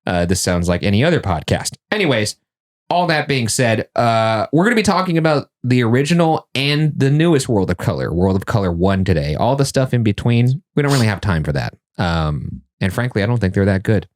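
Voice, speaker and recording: Joking podcast host, low voice. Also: male voice, a little fast. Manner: jokey, self-mocking, animated asides. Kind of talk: casual podcast chat. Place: indoor podcast studio.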